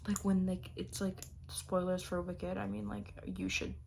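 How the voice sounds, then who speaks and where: A woman's voice: lowish voice, little pitch movement, measured pace, creaky, a little mellow, slight background noise. A young adult woman chatting casually to camera about her favorite things of the year, gushing and rambling with plenty of fillers. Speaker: vlogger.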